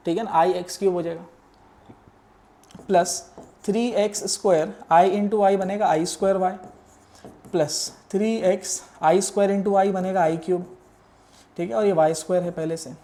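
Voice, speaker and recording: A young math tutor teaches engineering math in an exam-prep lecture, speaking casually and encouraging his students as he works through each step aloud while writing. His voice sits high with a dark tone.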